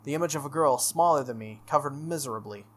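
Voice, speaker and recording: As host of a gaming channel's playthrough, a man reads visual novel narration aloud with game music playing beneath his voice. He speaks quickly in a mid-range, fairly bright tone.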